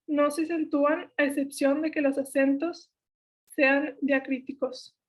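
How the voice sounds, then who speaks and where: Young woman, Mexican Spanish accent, high voice, even monotone, methodical workshop teaching. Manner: steady list-like delivery, self-corrects. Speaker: workshop instructor. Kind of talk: explaining spelling rules.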